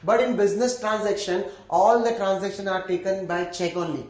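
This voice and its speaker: Echoey room, Indian-accented man, high voice, accounting teacher, step-by-step explanation, repeated phrases, frequent check-in questions. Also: fairly even intonation, a little fast, darkish tone. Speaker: accounting lecturer. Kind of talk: live lecture, explaining step by step.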